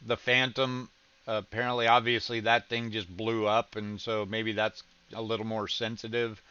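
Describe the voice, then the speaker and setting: A man hosts a casual livestream reaction chat, rambling with lots of ums and restarts and laughing easily, in a slight Southern American accent. His voice is lowish and sharp yet clear and resonant, with little pitch movement and a normal pace. The audio is dull, with no room sound.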